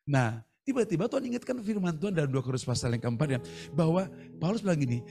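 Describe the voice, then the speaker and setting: A man preaching a sermon over a video call, telling stories in an animated, chatty way. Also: on the high side, quick pace, creaky, over music. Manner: animated, chatty storytelling with laughs. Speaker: pastor. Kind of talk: storytelling sermon.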